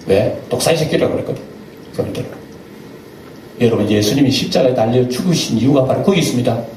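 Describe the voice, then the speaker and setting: A male pastor with a Gyeongsang accent preaching a sermon, emphatic, swinging between loud exclamations and low asides. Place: church sanctuary. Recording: echoey church hall, distant mic, faint hiss.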